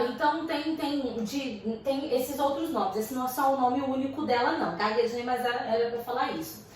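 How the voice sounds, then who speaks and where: A woman's voice: high-pitched, fairly bright tone, far from the mic. A young Brazilian woman with a Brazilian Portuguese accent, teaching a literature lesson in a chatty, slangy way with playful asides. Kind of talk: casual video lesson. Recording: echoey room, voice from off-mic.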